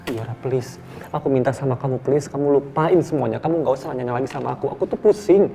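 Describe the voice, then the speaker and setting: A man's voice: mid-range voice, fast, vocal fry, mellow, faint music behind, lightly acted. An actor playing an evasive, stressed young man pleading with his girlfriend to stop asking in a TV drama. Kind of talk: TV soap drama acting.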